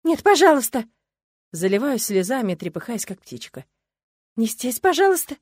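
A woman's voice: mid-range voice, brisk, darkish tone, no room sound, studio quality, close to an everyday voice. A woman reading an audiobook, voicing a young noble wife who is tearful, pleading and defiant in turn. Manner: tearful, pleading, angry outbursts.

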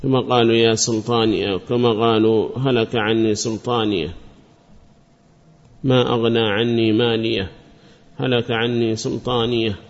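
A man teaching a grammar lesson at an even, mid-range pitch, calling on students by name and restating each rule patiently. The recording is muffled and lo-fi. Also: moderate pace. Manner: quizzes students by name and praises answers; repeats and restates points patiently.

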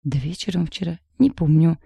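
A woman's voice: low voice, normal speed, creaky, dark tone, slightly rough, no room sound, dull audio, exaggerated voice. A woman reading the part of a frightened, whiny young woman in an audiobook. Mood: anxious. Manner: whiny, anxious.

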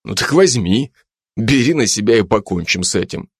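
A man voicing a calm, hesitant male police officer who speaks in a restrained way, in an audiobook. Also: fairly low pitch, moderate pace, slightly rough, dry recording, clean studio sound. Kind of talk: audiobook character voice.

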